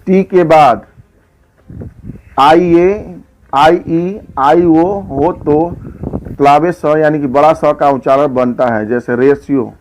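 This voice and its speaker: A man teaching English pronunciation rules, slowly listing example words one at a time. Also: fairly high pitch, darkish tone, poor audio. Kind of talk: slow explanatory lesson.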